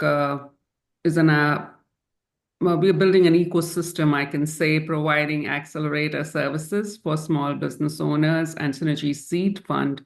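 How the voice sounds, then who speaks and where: A woman's voice: deep voice, vocal fry. A middle-aged woman introducing herself as a panelist on a webinar video call. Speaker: panelist, company founder. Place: indoor room, video call.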